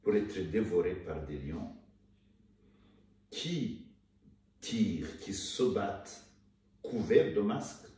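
Older male guest author from Rwanda, deep voice, slow and halting delivery, recorded in an echoey room from a distance. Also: animated, dark tone. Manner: slow, hesitant, repeats words while searching. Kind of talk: conversational interview. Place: indoor room, seated in armchair. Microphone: far camera. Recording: echoey room, mic at a distance, faint noise.

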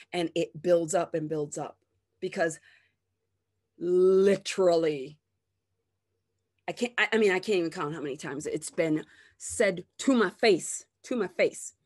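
Candid, swearing woman ranting to camera. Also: fairly low pitch. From grew up partly in the United States. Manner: candid and animated, swears freely; acts out other people's remarks in exaggerated voices. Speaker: host of a self-help channel. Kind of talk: casual unscripted rant to camera.

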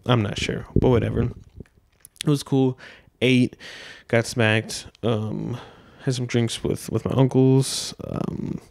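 Young man, gravelly voice, dry close handheld mic, laid-back rambling podcast talk, lots of fillers. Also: mid-range voice, steady tone, slow pace, darkish tone, no echo. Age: 20s. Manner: laid-back, loose and meandering, frequent filler words and swearing. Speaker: podcast host. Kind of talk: casual solo rambling podcast. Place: small room at home, seated by a door. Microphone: handheld dynamic mic, wearing headphones.

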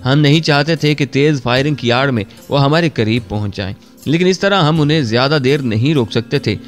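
A man narrating a war adventure in a steady, measured read. His voice sits at an ordinary middle pitch. A soft music bed plays faintly underneath. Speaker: story narrator. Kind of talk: scripted narration of a war story. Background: faint background music.

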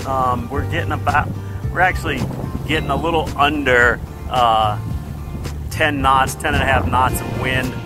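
A man's voice: medium pitch, steady tone, unhurried, music in the background. A man narrating a sailing vlog from his boat, talking casually and rambling a little with fillers. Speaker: sailing vlogger. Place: on a sailboat at sea.

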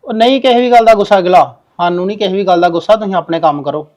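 A man's voice: sits high, very fast, darkish tone, lightly acted. A man playing a touchy, stubborn younger son in a family drama, arguing and sulking. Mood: sullen. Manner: argumentative, sulky. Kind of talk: Punjabi family drama acting.

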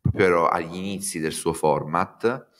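A man with a very low voice tells his stories in an animated, casual way and swears now and then. He talks like a guest chatting on a live show. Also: normal speed. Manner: animated storytelling, swears freely. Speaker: guest commentator. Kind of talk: casual chat.

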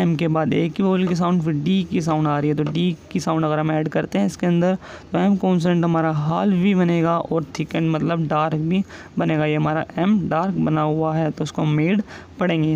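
A man teaching shorthand, explaining each rule step by step and patiently repeating every example word slowly. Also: fairly high pitch, gravelly, a little mellow. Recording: dull lo-fi sound with faint hiss.

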